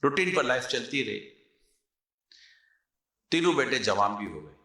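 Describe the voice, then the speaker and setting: A male preacher telling a moral story in a sermon, animated, acting out the characters and mixing in English words. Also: medium pitch. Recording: roomy echo.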